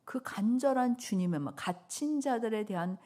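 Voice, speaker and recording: A middle-aged woman pastor giving a sermon in church, telling stories with loud outbursts and soft whispers. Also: a little high, normal speed. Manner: animated storytelling, swings between loud outbursts and soft whispers.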